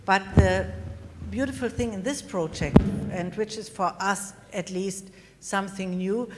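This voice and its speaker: A woman's voice: medium pitch, noisy background. Thoughtful woman answering on a panel. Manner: measured, thoughtful, some pauses. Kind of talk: answering audience questions on a panel. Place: conference hall. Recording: long hall reverb, faint ambience.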